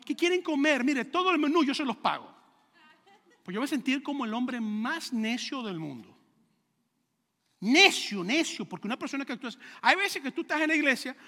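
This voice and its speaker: A man's voice: high-pitched, bright, forceful tone, long reverb tail. A male pastor preaching a sermon in a conversational way, telling stories with dialogue and asking rhetorical questions.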